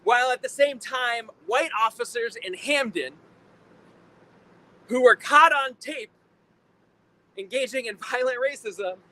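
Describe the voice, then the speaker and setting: A man giving an impassioned protest speech like a preacher, emphatic and deliberate, repeating phrases for effect. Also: very high voice, bright, forceful tone. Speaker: preacher, rally speaker. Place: outdoors at a rally in town. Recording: noisy outdoor urban recording, faint traffic.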